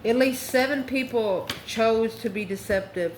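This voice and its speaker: This host of a tarot channel has a higher-pitched voice and takes her time, doing a casual reading with a folksy, emphatic style and sweet nicknames for her audience. Her recording sounds roomy and echoey, with faint noise in the background.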